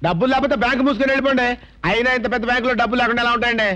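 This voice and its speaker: A man's voice: very high-pitched, steady tone, racing, sharp tone. An actor playing a panicky man who wails and complains frantically after losing money. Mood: indignant. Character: whining, panicky male hanger-on cheated of money.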